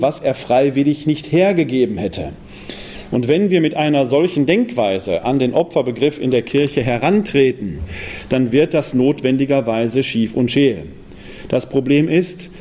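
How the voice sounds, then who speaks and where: Man, from the Ruhr area, public lecture, warm mellow voice, quick talk, rhetorical questions. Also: mid-range voice. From Ruhr area, Germany. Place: parish hall.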